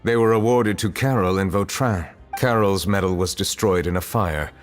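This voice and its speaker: A man voicing a composed, stern chief justice in a video game, speaking in a formal, measured, grave way. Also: low-pitched, lightly acted. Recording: long reverb, music underneath.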